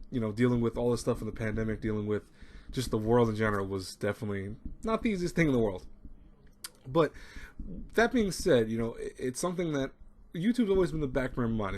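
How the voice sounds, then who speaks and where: A man of thirty talks quickly and casually into a desk webcam, stumbling over his words and circling back with fillers. His pitch sits mid-range, and a faint hum of ambience with people talking nearby fills the small room behind him. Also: a little mellow. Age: 30s. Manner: rambling, repeats words, frequent fillers. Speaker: anime review channel host. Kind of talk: casual talk to camera. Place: small home room with shelves, indoors.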